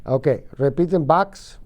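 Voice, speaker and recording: A middle-aged man teaching an English vocabulary lesson to a classroom of students, speaking slowly and patiently and repeating words for them to echo back. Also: fairly high pitch, darkish tone. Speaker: ESL teacher.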